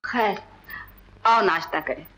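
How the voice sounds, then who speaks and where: An actress playing a brisk, scolding lady of the house in a 1940s film. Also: mid-range voice, a bit bright, poor audio.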